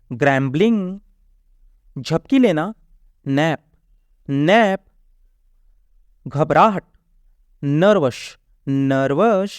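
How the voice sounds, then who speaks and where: A man's voice: fairly high pitch, dry recording, clean studio sound. A man teaching vocabulary as a word-list drill. He gives each Hindi meaning and then says the English word twice.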